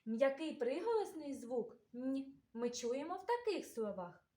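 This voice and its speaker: Woman, Ukrainian accent, preschool teacher, high-pitched, slow careful diction, echoey room. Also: very animated, mellow. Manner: slow, carefully enunciated, sounding out words. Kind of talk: children's literacy lesson.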